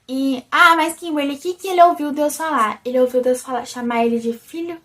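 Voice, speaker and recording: A young Brazilian woman with a childlike, squeaky voice, chatting animatedly to her viewers in a casual religious vlog. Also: fairly quick. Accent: Brazilian Portuguese. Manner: animated and chatty, often calls the viewers "gente". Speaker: vlogger. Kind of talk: casual religious video chat.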